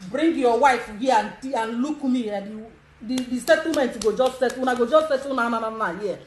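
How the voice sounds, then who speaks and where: A woman's voice: a little high, fairly quick, roomy sound, slight background noise, rough recording. A Nigerian woman giving frank casual advice, laughing often and demonstrating as she talks. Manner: bold, laughing, demonstrative, mixes pidgin. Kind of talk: casual instructional chat.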